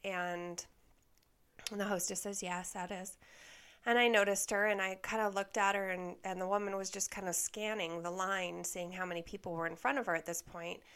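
A woman's voice: mid-range voice, steady tone, a little fast, fairly bright tone, clear, resonant tone. A woman vlogger telling a personal story in a candid, self-deprecating way, laughing at herself. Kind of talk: storytime monologue.

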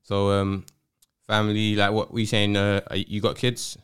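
A man's voice: lowish voice, monotone, a little slow, fairly bright tone, smooth. A man with a London roadman accent, hosting a casual chat show in a laid-back, slangy way. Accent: London roadman, urban slang. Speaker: podcast host.

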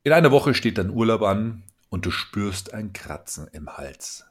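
A man's voice: on the low side, very animated, unhurried, husky. A man hosting a podcast, coaching the listener directly in an emphatic motivational monologue. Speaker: podcast host.

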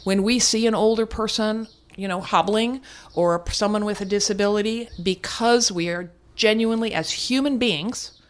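A woman's voice: mid-range voice, normal speed. An older woman speaking as a guest in an interview, frank and reflective, with restarts and occasional laughs. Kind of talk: candid conversational interview.

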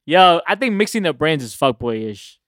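A man's voice: fairly high pitch, sing-song, normal speed, a bit bright, no room sound, clean studio sound. A man hosting a casual podcast chat, slangy and joking in how he talks. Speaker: podcast host.

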